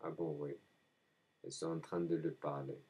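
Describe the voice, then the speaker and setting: A man in a rambling spoken monologue, halting often and repeating himself as if answering his own questions. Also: rumbling low, flat delivery, a little mellow, husky. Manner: halting, frequent hesitations.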